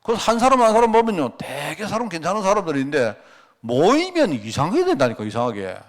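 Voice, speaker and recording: A man's voice: fairly high pitch, wildly swooping pitch, quick pace. A middle-aged male pastor giving a conversational sermon at a prayer meeting, asking the congregation rhetorical questions and telling anecdotes. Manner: acts out quoted dialogue.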